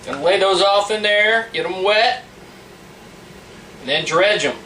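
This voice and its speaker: A high-voiced man walks through a recipe in a casual, folksy way. He sounds set back from the mic in a roomy kitchen, with a fan running noisily behind him. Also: a little slow. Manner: folksy, plain-spoken. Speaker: home cook presenting a recipe. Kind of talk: casual cooking demonstration. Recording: roomy, noisy fan hum, distant mic. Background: fan noise.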